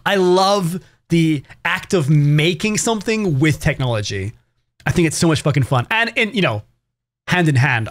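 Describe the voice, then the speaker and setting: A male variety streamer chatting loosely with his viewers, sarcastic and swearing freely. His voice sits fairly high for a man and swings widely in pitch. The sound is close and dry. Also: fairly bright tone, no echo. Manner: sarcastic, swears often, rambling. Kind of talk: casual live-stream chat to viewers.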